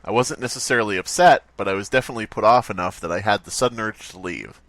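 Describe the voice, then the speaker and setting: A man with a low-leaning, fairly bright voice talks fast while hosting a comedy podcast, recorded dry. He reads stories aloud and riffs on bits, joking and swearing casually.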